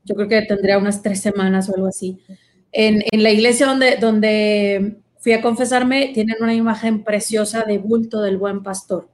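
A woman's voice: medium pitch, little pitch movement, moderate pace. A woman, a guest earnestly telling her vocation story in conversation, with many fillers. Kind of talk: personal testimony in conversation.

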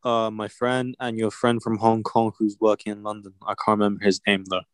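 A young adult man born in China keeps things laid-back, teasing a friend and laughing often during casual talk. He speaks briskly and smoothly in a lowish voice with little pitch movement, and the recording has no room sound.

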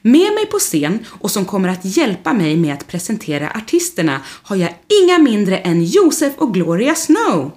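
A woman reading a storybook voices an excitable, nervous young man who bursts into high exclamations. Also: few pauses. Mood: cheerful. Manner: high-strung, shrill exclamations.

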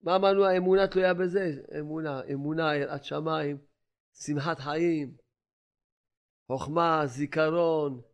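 Older male rabbi, sermon delivery, slightly high voice, repetitive and emphatic with sudden loud and soft turns. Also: steady tone, clean tone, muffled recording. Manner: emphatic, repetitive preaching with rhetorical questions; shifts between loud exclamations and quiet asides. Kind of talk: Torah lesson sermon.

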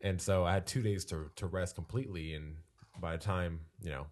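A young man co-hosting a casual podcast, his voice deep from a cold, chatting loosely with lots of fillers and jokes. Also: a little fast. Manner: relaxed, many fillers, jokey. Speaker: podcast co-host.

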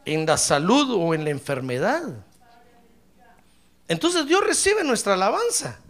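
A man preaching a sermon to his congregation, addressing them directly and breaking into loud shouted praise. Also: high voice, very animated, unhurried.

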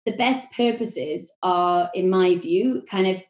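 A woman with a Welsh accent, a marketing executive explaining her work in a podcast interview, measured and full of corporate phrasing. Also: fairly low pitch, a little mellow, roomy sound.

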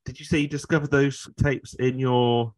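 A man's voice: medium pitch, little pitch movement, moderate pace, no echo. A British man hosting a podcast, chatting casually in a rambling, conversational way. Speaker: podcast host. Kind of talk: casual chat.

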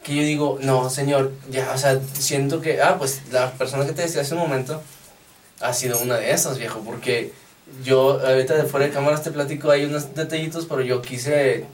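A man with a Mexican Spanish accent, hosting a podcast, telling stories in a lively, slangy way. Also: mid-range voice, a little fast. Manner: animated storytelling, slangy. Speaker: podcast host. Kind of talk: casual podcast chat. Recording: distant mic with faint noise.

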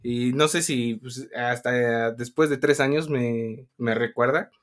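A man's voice: mid-range voice, fairly even intonation, takes it slowly. A young man telling a personal story to friends in casual chat, rambling with lots of fillers and laughter. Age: young adult.

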